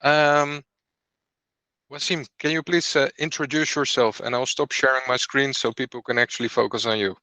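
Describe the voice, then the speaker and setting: A man who founded a startup company hosts an online program presentation on a video call, explaining each step clearly as he goes. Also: mid-range voice, fairly even intonation, normal speed, pushed and bright, no room sound.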